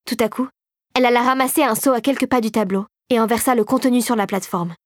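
A woman narrating a fantasy audiobook, her voice on the higher side and delivered steadily and expressively. The sound is close and dry, with no room echo at all. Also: steady tone, fast talker. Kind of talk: scripted narration.

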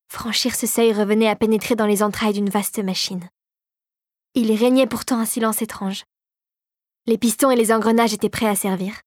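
Calm woman narrating a storybook. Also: mid-range voice, dry recording, studio quality. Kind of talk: scripted audiobook narration.

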